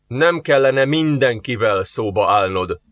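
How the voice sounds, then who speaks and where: A man's voice: medium pitch, expressive, fairly bright tone, dry recording, close to an everyday voice. A man playing a curt suspicious demon. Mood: sarcastic. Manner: curt, sarcastic, wary. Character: gruff suspicious male demon. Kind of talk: audiobook character voice.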